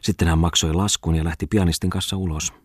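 A man narrating a novel as an audiobook in a measured, even storytelling manner. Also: low-pitched, slightly rough, no echo, clean studio sound. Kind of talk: scripted narration.

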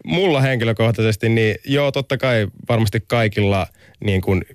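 A male guest answers thoughtfully in a casual chat, hedging as he goes. His voice sits a little low. The recording is close and dry. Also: dry recording. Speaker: guest, club host.

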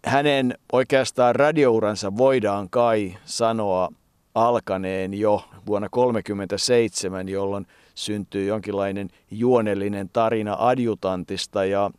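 A man's voice: on the low side, steady tone, a little mellow, smooth, no room sound. A man hosting a talk show, reflecting thoughtfully on a radio writer's career. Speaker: host. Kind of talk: casual talk.

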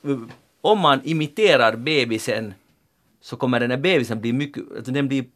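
A man hosting a relaxed podcast chat, halting and repeating words as he explains. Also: mid-range voice. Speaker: podcast host. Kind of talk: casual chat.

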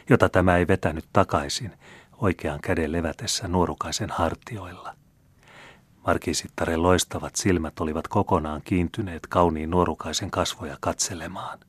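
A man reading a classic novel aloud as an audiobook narrator, in a measured, even storytelling manner. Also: low-pitched, breathy edge, dry recording. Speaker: audiobook reader.

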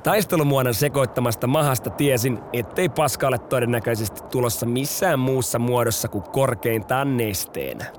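A man's voice: mid-range voice, few pauses, background noise. A man hosting a storytelling podcast, narrating in a casual, slangy way.

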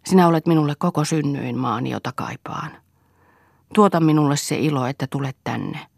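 A woman's voice: deep voice, vocal fry, darkish tone, husky, no echo, studio quality, exaggerated voice. A woman reading a letter from an affectionate younger sister, in a tender and pleading way.

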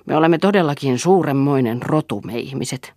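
A woman's voice: a bass voice, no room sound, studio quality. A woman reading the part of a bitter, weary young man in a literary audiobook, speaking hard and sardonic.

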